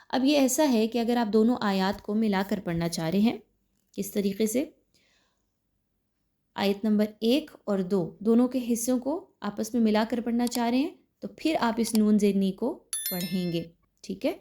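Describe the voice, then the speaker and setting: A woman with a Pakistani Urdu accent gives a recorded Quran recitation lesson, explaining the rules step by step and then reciting slowly and drawn out. She often pauses to ask "clear?" to check that listeners understand. Her voice is fairly high with a dark tone.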